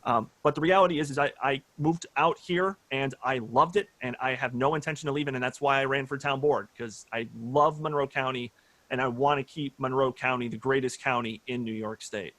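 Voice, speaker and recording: A man's voice: mid-range voice, brisk, a bit bright, no room sound. A man in his thirties, a judicial candidate, answering forum questions earnestly with many "uh" fillers over a video call.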